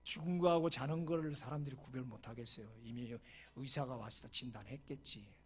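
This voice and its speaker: A middle-aged male pastor with a mid-range voice preaches fairly quickly, telling the story dramatically. He sinks to whispers before bursting into loud exclamations, slipping in short English phrases.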